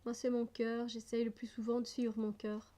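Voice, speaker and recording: A woman's voice: a little high, little pitch movement, normal speed, mellow. A woman vlogger reading out personal questions and answering them in a casual, chatty way, often laughing and hesitating.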